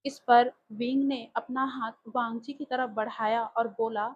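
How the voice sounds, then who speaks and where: Woman narrator for a dark horror tale, high husky voice, deliberate pace. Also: fairly even intonation, dull audio. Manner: slow, deliberate telling. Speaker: storyteller. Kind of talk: scripted horror story narration.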